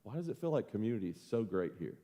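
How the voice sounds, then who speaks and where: Man, pastor, folksy storytelling, lively intonation, Bible study talk. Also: on the low side, fast talker. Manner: folksy, self-deprecating storyteller with lively swings. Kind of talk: casual Bible study teaching.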